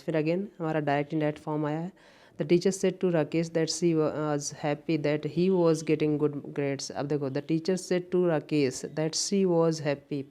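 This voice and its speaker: Mellow-voiced Indian English tutor. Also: male voice, a little high, smooth. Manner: explains patiently, repeats key phrases, reads sentences out slowly. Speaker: English teacher for competitive exams. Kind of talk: exam-prep lesson.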